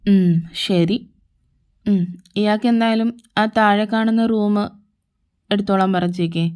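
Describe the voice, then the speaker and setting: A stern young man who runs a palace speaks curtly and dismissively, voiced by a woman. She drops her voice lower and keeps it dark and mellow. This is a homemade fan audio drama. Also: steady tone, slow pace, smooth, natural voice. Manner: curt and dismissive.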